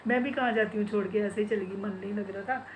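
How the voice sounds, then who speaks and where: In a casual home vlog shot in her bedroom and kitchen, a middle-aged woman coos baby talk to her pet bird and chats with viewers. Her voice is medium-pitched, steady and brisk, with a faint hiss or hum behind it.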